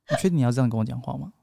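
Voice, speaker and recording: A man's voice: mid-range voice, fast talker, creaky, background noise. Joking man in a casual chat. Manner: joking, rambling, laughs often. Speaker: podcast co-host.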